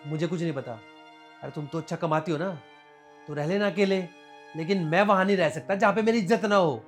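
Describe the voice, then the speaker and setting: A man's voice: sits high, a little fast, soft background music, lightly acted. A man acting as a husband in a short drama, wounded that his wife slapped him in public and vowing to leave home. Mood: hurt reproach. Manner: hurt, reproachful. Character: wounded proud husband, humiliated and sulking. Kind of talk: scripted web short drama.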